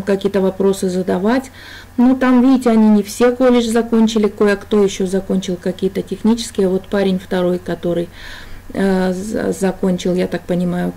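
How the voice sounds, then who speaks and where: A woman giving a slow, hesitant, apologetic voice-over commentary for her vlog. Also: mid-range voice, mellow, low-quality recording. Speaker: vlogger and translator.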